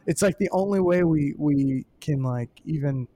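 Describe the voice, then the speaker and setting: A man's voice: fairly high pitch, moderate pace, warm tone. A young adult man, a comedian co-hosting a podcast, musing aloud and rambling with many restarts. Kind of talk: casual chat.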